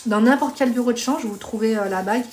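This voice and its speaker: Speaking fast in a fairly high voice, a woman running a live stream reads viewer comments aloud and doles out blunt dating advice, addressing everyone by pet names.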